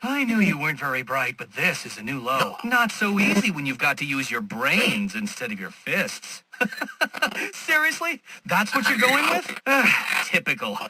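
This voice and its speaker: The Riddler, sharp, smug genius villain. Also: male voice, medium pitch, sing-song, normal speed, hardly any pauses, a little hiss or hum, poor audio. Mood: scornful. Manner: pompous, sarcastic, precise wordy diction. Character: smug, condescending male genius villain, mocking and theatrical. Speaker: video game villain. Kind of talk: scripted game villain taunts.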